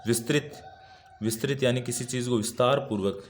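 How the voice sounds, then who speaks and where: A man teaching a workbook lesson at a medium pitch, walking through the answers with patient repetition of each word. Faint background noise sits under his voice. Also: steady tone, a little fast. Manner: patient, repeats each word while writing it.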